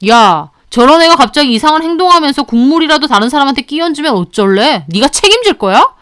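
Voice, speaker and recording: A woman voicing a rude, sneering male restaurant owner who mocks and shouts at people. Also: sits high, big pitch swings, quick pace, dry recording, studio quality, voice pushed up. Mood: angry shouting. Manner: shouting, mocking.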